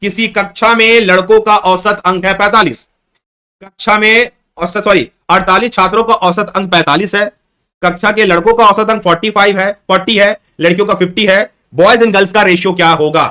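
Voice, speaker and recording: A man's voice: high voice, fairly even intonation, a little fast, pushed and bright, clean tone. A man teaching a live online exam-prep class, repeating questions and coaxing his students to answer. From Chhattisgarh, India.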